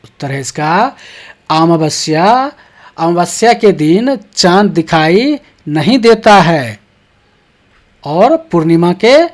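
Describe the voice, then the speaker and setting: This teacher reads each textbook question to young schoolchildren and then solves it step by step, keeping things slow and easy. Frequent "ठीक है" check-ins keep the lesson flowing. The voice is mid-range with a somewhat dark tone.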